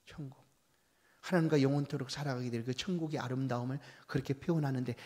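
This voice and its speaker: A man preaching a sermon as pastor. He swings from soft, near-whispered lines to loud, emphatic exhortation, and he acts out quoted voices in a conversational tone. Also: on the high side. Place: church sanctuary. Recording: long church reverb.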